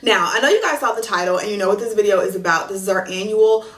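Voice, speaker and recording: A woman's voice: medium pitch, quick pace, recorded from a distance. A woman in her thirties talking straight to her viewers in an upbeat, chatty vlog, hyping them up about the year ahead. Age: 30s. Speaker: lifestyle vlogger. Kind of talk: upbeat direct-to-camera vlog chat. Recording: echoey room with faint music.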